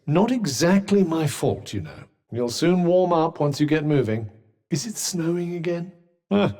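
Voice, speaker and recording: A man's voice: fairly high pitch, a little mellow, heavily acted. A British man voicing a sardonic, fussy talking magic cuff in a video game, with a dry, pompous, articulate delivery. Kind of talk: video game character dialogue. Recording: long reverberant echo on voice.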